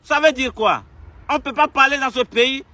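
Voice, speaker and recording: A man's voice: very high-pitched, moderate pace, dry recording. A young man from Togo, delivering an angry political rant straight to camera. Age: young adult. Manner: furious, insulting, repetitive, shouting bursts. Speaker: activist vlogger.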